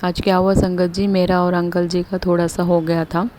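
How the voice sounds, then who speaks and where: A woman's voice: fairly low pitch, flat delivery, normal speed, noisy background. A middle-aged woman telling a personal devotional story in a casual, hesitant way, with many fillers and restarts. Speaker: devotee sharing a testimony. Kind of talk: casual spoken testimony.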